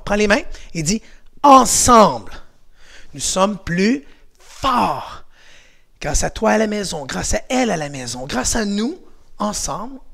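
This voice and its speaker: A lively karate instructor with a Québécois French accent leads kids through a home workout. His voice is high and swings widely, with a gravelly edge, and he shouts out counts and kiai cries.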